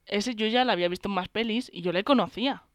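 A film podcast co-host with a Spanish accent from Spain reviews a movie in a casual, enthusiastic chat, laughing often. Her mid-range voice moves fast. The studio sound is clean, with no echo.

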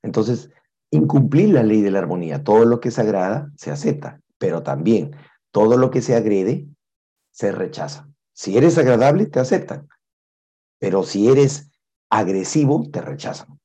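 Man telling an animated story. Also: lowish voice, normal speed, slightly rough. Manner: animated storyteller, acts out the voices of others. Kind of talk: storytelling talk with life lessons.

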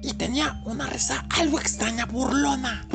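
A woman tells a spooky tale for a podcast, dramatic and colloquial. Her voice sits very high. Music plays clearly under her. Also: moderate pace. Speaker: podcast storyteller. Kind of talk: horror storytelling.

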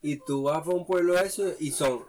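A man's voice: a little high, moderate pace, darkish tone. A young Venezuelan man chatting casually on a podcast, blunt and joking, full of slang. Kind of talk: casual chat.

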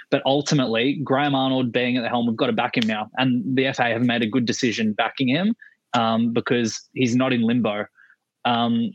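A man giving conversational football opinions as a panelist, measured and considered. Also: mid-range voice, no echo, highs cut off. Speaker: podcast panelist.

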